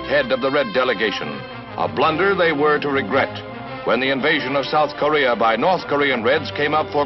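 A man giving dramatic, emphatic old newsreel narration from an archive film. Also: fairly high pitch. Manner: emphatic, declamatory delivery. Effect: old 1950s newsreel narration. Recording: dull lo-fi archive film soundtrack. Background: orchestral music.

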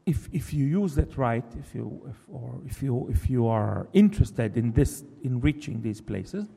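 This novelist, a native Hebrew speaker, reflects aloud in English at a public talk, his thoughtful delivery halting and marked by many restarts. His mid-range voice is creaky, mellow and breathy, with lively intonation, heard with the long reverb of a hall.

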